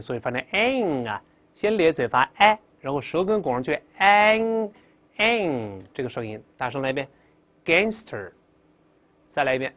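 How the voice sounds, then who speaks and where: A male teacher talks through a vocabulary lesson in a lively, swooping voice that sits a little high. He drills each word aloud and stretches the sounds for his students. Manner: animated, drills words aloud with exaggerated sounds. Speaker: English teacher.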